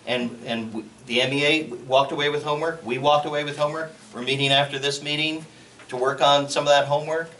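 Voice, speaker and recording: A man on a school board addressing a public meeting, careful and halting, repeating words as he goes. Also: on the high side, fairly even intonation, fairly bright tone. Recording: distant mic, faint noise.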